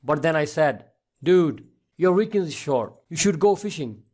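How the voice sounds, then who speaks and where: A man's voice: on the high side, animated, normal speed, a little mellow. A man voicing a young small-town salesman who explains things matter-of-factly in a told story. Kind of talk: storytelling dialogue.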